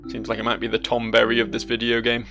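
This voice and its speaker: A man's voice: medium pitch, monotone, fast talker, creaky, pushed and bright, faint music behind. A man giving casual let's play commentary with dry, musing asides. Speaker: gaming video host.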